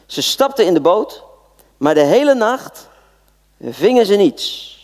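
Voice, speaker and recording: A man from the Netherlands preaching a sermon, telling the Bible story in a lively way and acting out its dialogue. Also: high voice, unhurried. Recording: long hall reverb.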